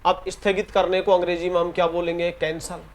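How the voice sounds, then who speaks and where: In Hindi, a man with an Indian English accent gives an exam-prep grammar lesson, reading English example sentences slowly and deliberately. His voice is high-pitched and flat, and he often repeats key words and closes his points with "theek hai".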